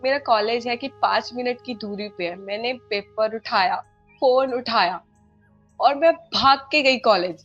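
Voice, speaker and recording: Young woman from india on a podcast, kinda high voice, acts out everyone's lines, dull lo-fi sound with faint music under it. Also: measured pace. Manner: animated retelling, acts out dialogue, repeats phrases. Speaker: guest devotee. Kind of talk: emotional storytelling in a podcast interview.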